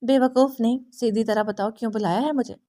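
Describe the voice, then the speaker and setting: A woman's voice: fairly high pitch, fairly even intonation, warm tone, lightly acted. A woman voicing a proud, jealous young woman who speaks in a sarcastic, needling way in an audiobook reading. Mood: sarcastic probing.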